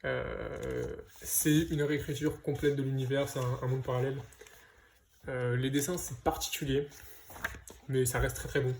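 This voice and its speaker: A man's voice: mid-range voice, fairly even intonation, normal speed, creaky, darkish tone, slight background noise. Chatty French man showing off comics. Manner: hesitant, many fillers and restarts. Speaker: comic book collector vlogger. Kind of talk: casual unboxing chat.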